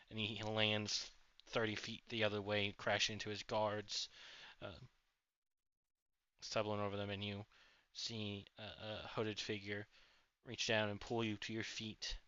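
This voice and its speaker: A man's voice: fairly low pitch, little pitch movement, measured pace, pushed and bright, dry recording. A man narrating as game master of a tabletop game, rambling with many fillers and restarts. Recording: dull lo-fi audio.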